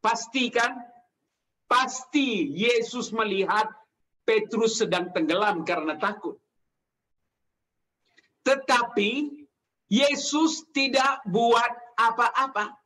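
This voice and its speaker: A male preacher delivering a sermon, speaking slowly and emphatically and addressing the congregation directly. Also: very high voice, sharp tone, poor audio.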